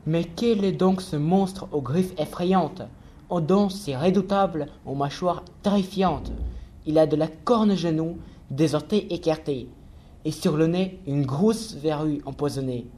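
A man's voice: a little high, measured pace, warm tone, a little hiss or hum. Man narrating a rhymed storybook. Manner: clear, rhythmic reading of rhymed verse.

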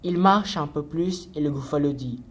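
A man narrating a children's story in rhymed verse, reading clearly and rhythmically. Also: fairly high pitch, normal speed.

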